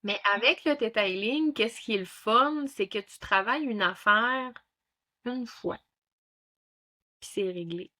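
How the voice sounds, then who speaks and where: Unhurried and a little high, her voice comes across pushed and bright as this Quebec-born ThetaHealing instructor in her thirties guests on a casual interview. She speaks with a Québécois French accent and keeps stopping to restart, with many fillers.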